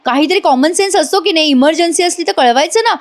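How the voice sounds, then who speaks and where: An indignant young woman in a soap-style recap, her voice pushed up high and sharp with exasperation as she rails at everyone around her, put on by a woman narrator. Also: lively intonation, fast. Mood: exasperated. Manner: exasperated, scolding outbursts. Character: young woman, frustrated job seeker.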